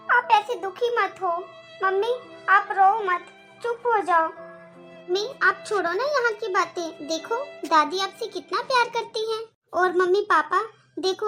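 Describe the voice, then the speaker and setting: A woman's voice: very high-pitched, sharp tone, heavily acted. A woman voicing an outspoken young girl in a cartoon, pleading earnestly with her family. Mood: consoling. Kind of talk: cartoon voice acting.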